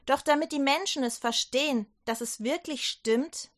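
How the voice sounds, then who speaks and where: A woman reading and explaining a children's Bible story in a gentle, clear storytelling way. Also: sits high, normal speed.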